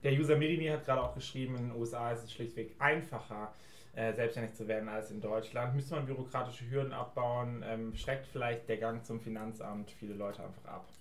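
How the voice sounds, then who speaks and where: Male host, quick delivery, long stacked questions, medium pitch. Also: steady tone. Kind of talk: casual interview questions.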